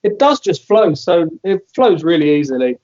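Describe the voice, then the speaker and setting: A man's voice: fairly high pitch, very animated, moderate pace, a little mellow, dull audio. A man, a band member chatting in an interview, with lots of "like" fillers. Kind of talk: casual video call interview.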